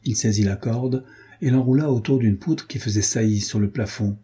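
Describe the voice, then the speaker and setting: A man narrating an adventure novel as an audiobook, in a measured, even storytelling way. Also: mid-range voice, slightly rough.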